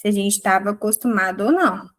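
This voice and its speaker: A woman teaching an English grammar lesson in a playful, theatrical way, laughing often and reading English examples slowly. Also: mid-range voice, low-quality recording. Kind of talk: casual online English lesson.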